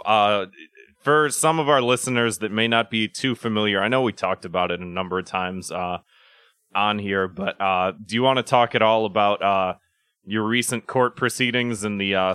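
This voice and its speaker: Male co-host, lower voice, crisp and bright, dry delivery. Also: dry recording. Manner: dry, measured, with hesitant fillers. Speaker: podcast co-host. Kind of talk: casual podcast chat.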